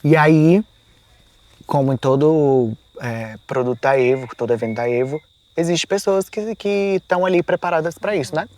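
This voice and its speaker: A man, a podcast guest, telling an emotional personal story in a soft-spoken way that often trails off, with many small fillers and re-enacted quotes of his own past words. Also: a little high, normal speed.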